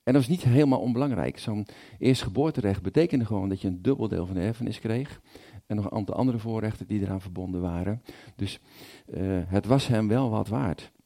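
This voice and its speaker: A man's voice: fairly low pitch, fairly quick, few pauses, dark tone. A man giving a conversational sermon, informal and thinking aloud, often repeating words as he goes. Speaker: preacher.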